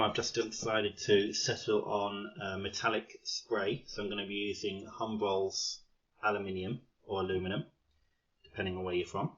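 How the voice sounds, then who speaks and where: Low-voiced rambling man, lo-fi sound. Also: a bit bright. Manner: rambling, self-deprecating, full of ums. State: out of breath. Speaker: hobby painter. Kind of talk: casual talk-through while painting.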